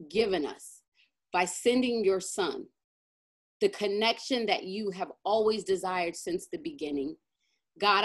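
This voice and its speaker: Emphatic woman pastor, low-pitched. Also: fairly bright tone. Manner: emphatic, keeps asking "right?", fervent in prayer. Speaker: pastor leading a teaching and discussion. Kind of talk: informal teaching then spoken prayer.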